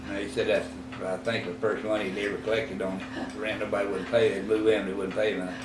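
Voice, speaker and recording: A man from Texas in his eighties rambles through memories of his past in a recorded oral history interview, speaking slowly with frequent fillers and self-corrections. His delivery is flat and fairly low-pitched. Background noise is clearly audible on the distant, roomy mic.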